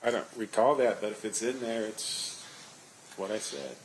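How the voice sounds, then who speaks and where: A man giving testimony as an investigator witness under cross examination, in a measured and guarded manner. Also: lowish voice, steady tone, slight background noise, poor audio.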